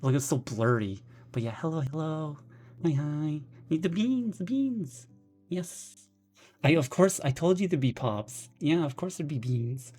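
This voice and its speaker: A man streaming from his bedroom, chatting casually, rambling and excitable, with lots of restarts and a slightly nervous, jittery edge. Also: on the high side, normal speed, soft background music. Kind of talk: casual live-stream chat.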